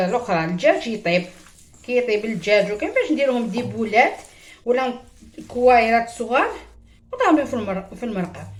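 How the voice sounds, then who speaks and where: A woman with an Algerian Arabic accent gives a chatty home cooking demonstration, talking straight to her viewers and mixing in French words. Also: a little high. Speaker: cooking show host.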